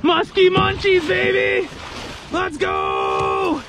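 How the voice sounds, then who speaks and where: A man outdoors, shouting in excited whoops as he celebrates landing a fish. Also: extremely high pitch, drawn-out words, creaky. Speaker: angler celebrating a catch. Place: outdoors by the water. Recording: outdoor phone video with loud wind and noise.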